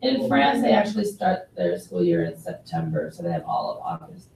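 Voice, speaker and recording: A woman's voice: extremely low pitch, huge pitch swings, fairly quick, darkish tone, a little hiss or hum. A woman from the United States with a Southern accent, teaching a French lesson to a classroom and having students repeat words. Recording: echoey classroom from far off.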